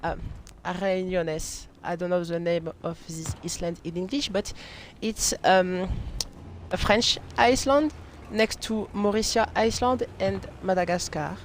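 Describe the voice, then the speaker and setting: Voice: mid-range voice, slow, a little hiss or hum. Chatty, hesitant live streamer. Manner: chatty, hesitant, many fillers and restarts, laughs often. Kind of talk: casual live-stream chat while playing a game.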